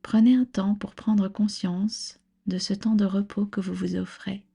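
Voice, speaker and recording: Faint music plays behind a woman guiding a relaxation meditation as a yoga nidra instructor. Her mid-range voice holds a level tone, soft and breathy, as she offers measured, gentle, soothing instructions.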